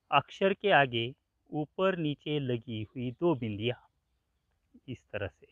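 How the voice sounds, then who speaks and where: A man teaching a grammar lesson, explaining slowly and repeating each example word, spelling it out letter by letter. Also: medium pitch, no room sound. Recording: tinny phone-like sound, dry.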